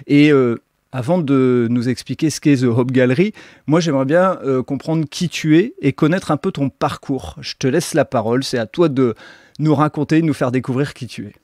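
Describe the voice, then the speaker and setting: A man's voice: mid-range voice, normal speed, darkish tone, dry recording, clean studio sound. A man hosting a podcast, reading a welcoming intro, then interviewing his guest. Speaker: podcast host.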